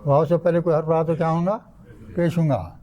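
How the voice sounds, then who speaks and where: A man's voice: fairly high pitch, fairly even intonation, dark tone, dull audio. An older man from India, teaching a grammar class in a mosque. He quizzes his students and sounds out word patterns syllable by syllable. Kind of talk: classroom lecture.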